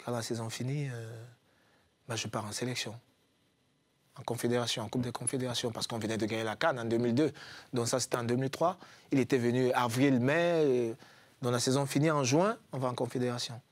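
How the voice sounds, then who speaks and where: Cameroonian guy telling football stories, animated, does the coach's lines. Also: medium pitch, a little fast, dry recording. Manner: animated anecdotes, acts out quoted coaches. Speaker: guest footballer. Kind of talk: casual storytelling.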